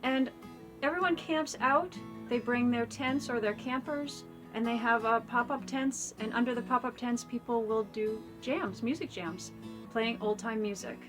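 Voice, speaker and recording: A woman's voice: fairly high pitch, unhurried, over music. A woman talking casually to her viewers as a vlogger, recorded up in an attic at home. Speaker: vlogger and fiddle player. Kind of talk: casual video diary talk to viewers.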